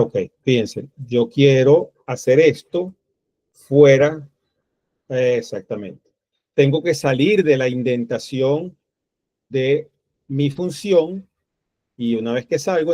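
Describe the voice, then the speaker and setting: Slow-speaking man teaching code. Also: medium pitch, warm tone, dry recording. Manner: slow, thinking aloud while typing code. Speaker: programming teacher. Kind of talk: screen-recorded coding tutorial. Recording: dull, lo-fi dry recording.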